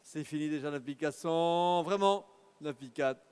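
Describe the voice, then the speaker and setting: At a live car auction in an auction hall, a man calls bids in a fast, rhythmic patter, pressing bidders to go higher. His voice sits on the high side with a darkish, clean tone, trailed by long hall reverb.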